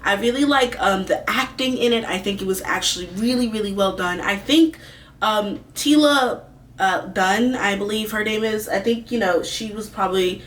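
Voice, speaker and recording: A woman's voice: medium pitch, moderate pace, fairly bright tone. Distant-miked woman giving a rambling casual review. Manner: informal, sweary. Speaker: movie reviewer and host. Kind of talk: casual commentary with rambling asides. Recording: distant mic with faint background noise.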